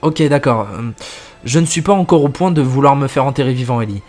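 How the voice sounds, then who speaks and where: A man voices a frightened doctor who asks tense, hesitant questions in a horror storybook reading. His voice is a plain, mid-pitched male voice with no heavy acting. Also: a little fast, a little mellow, faint music behind, natural voice. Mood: anxious. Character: frightened male doctor, the first-person narrator.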